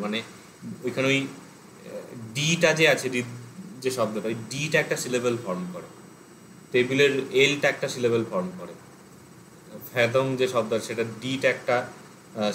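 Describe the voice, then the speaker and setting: A man's voice: mid-range voice, a bit bright, a little hiss or hum, poor audio. A man teaching an online language class, explaining step by step, thinking aloud with fillers. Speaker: Pali teacher.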